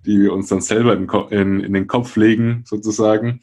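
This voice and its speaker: Franconian guy around 30, rolls his r, kinda low voice, chatting as interview guest. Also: level tone, brisk, darkish tone. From Franconia, Germany. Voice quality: rolled r. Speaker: guest, speaker and change coach. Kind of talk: conversational interview, personal account.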